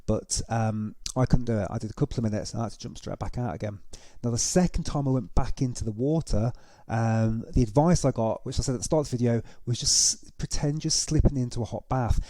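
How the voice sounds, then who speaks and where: A man's voice: mid-range voice, a little fast, hardly any pauses, mellow, no echo. A man hosting a reaction video, giving casual, conversational commentary and explaining things as he goes. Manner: explanatory, conversational, with tag questions.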